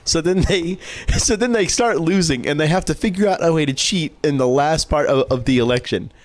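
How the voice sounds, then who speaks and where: A man's voice: a little high, expressive, brisk. A man co-hosting a podcast, rambling casually and laughing as he talks. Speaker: podcast co-host. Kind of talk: casual chat.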